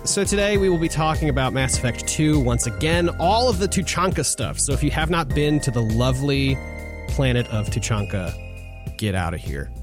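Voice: mid-range voice, moderate pace, music in the background. A co-host of a video game show chatting casually and laughing often, recording from inside a closet in a vacation house. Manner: laughs often, animated and joking. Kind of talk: casual chat.

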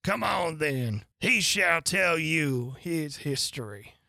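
A reader voicing a domineering, hot-tempered queen who speaks slowly and loudly. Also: medium pitch, animated, gravelly, no room sound, clean studio sound, voice pushed up, full character voice. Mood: imperious. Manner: slow, loud, commanding. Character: stern furious queen, woman, domineering. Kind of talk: audiobook character voice.

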